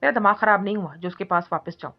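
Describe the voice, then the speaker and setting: A woman voicing a feisty, defiant young heroine who snaps back with quick scolding retorts in an audiobook reading. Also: mid-range voice, close to an everyday voice. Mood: angry. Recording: muffled recording with soft music.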